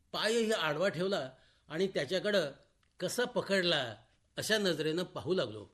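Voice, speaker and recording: A man reading a short story aloud for radio, in a measured, expressive way, voicing the dialogue himself. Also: a little high. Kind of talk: scripted story narration. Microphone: studio microphone.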